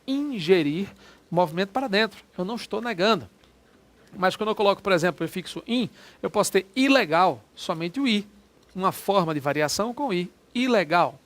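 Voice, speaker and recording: A man's voice: high-pitched, a bit bright. A man with a Brazilian Portuguese accent teaching an exam-prep lesson, chatty and often checking in with the listener. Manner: chatty, prods the listener with quick check-ins. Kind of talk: lecture explaining exam questions.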